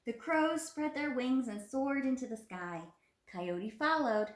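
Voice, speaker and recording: Her voice sits high and moves a little slowly as this young woman teacher runs a children's read-aloud lesson. She encourages and prompts with simple questions, captured by a phone at arm's length in a small room at home with roomy, echoey sound.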